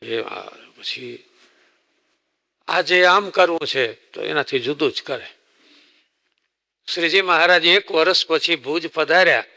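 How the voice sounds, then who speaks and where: A man's voice: fairly high pitch, slow, vocal fry, long pauses, bright, forceful tone, long reverb tail. A man, a swami preacher, telling a devotional story as a sermon and acting out the dialogue. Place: temple hall.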